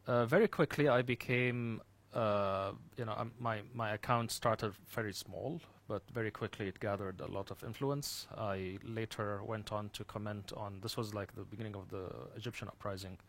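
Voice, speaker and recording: Low-voiced man telling his story, hesitant. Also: fairly even intonation, moderate pace, a little hiss or hum. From Gulf region. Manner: thoughtful, many fillers and restarts, trailing off quietly. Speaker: guest speaker, activist. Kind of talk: personal account in an interview.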